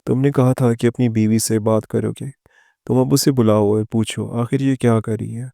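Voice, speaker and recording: A man's voice: mid-range voice, level tone, vocal fry, warm tone, no room sound, clean studio sound, lightly acted. Man reading as a stern scolding mother. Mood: angry. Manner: harsh scolding.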